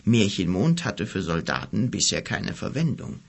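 A man voicing an old, weary wizard in an audiobook, speaking slowly and low, sometimes half in a whisper, with a husky, gravelly voice. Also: sing-song, exaggerated voice. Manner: slow, low and hushed, half-whispered at times. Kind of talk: audiobook character reading.

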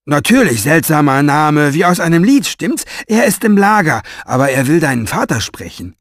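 A man voicing a big, good-natured strong man who blurts everything out loudly and gets flustered. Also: fairly high pitch, big pitch swings, moderate pace, no room sound, studio quality, pitched above the performer's own voice.

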